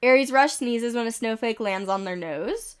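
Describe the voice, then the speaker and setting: Reading game events aloud on stream, this woman drops in quick, amused comments and chuckles, with the occasional cough from being a bit sick. Her voice sits a little high and is clear with a resonant tone.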